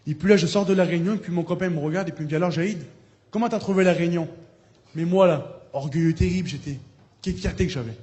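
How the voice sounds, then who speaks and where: Man, high voice, preaching testimony, storytelling, loud bursts of praise. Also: fast, highs cut off. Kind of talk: testimony sermon.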